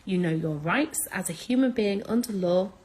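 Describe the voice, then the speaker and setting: Woman on a passionate rant, keeps repeating herself, pushy and urgent, mid pitch. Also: animated, normal speed, a little mellow, poor audio. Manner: urgent, insistent, repetitive. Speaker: social media speaker. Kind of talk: impassioned advice monologue.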